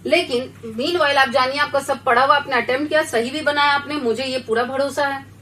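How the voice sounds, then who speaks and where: Woman teacher going thru exam answers, high voice, bit far from the mic. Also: steady tone, brisk, fairly bright tone, a little hiss or hum. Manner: explains step by step, mixing English science terms. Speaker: biology teacher.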